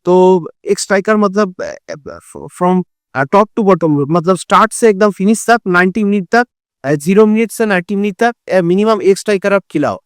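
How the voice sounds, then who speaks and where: A man's voice: high voice, normal speed, clear, resonant tone, no echo, studio quality. A man giving casual football analysis, hesitant with many fillers and restarts. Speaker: football commentator.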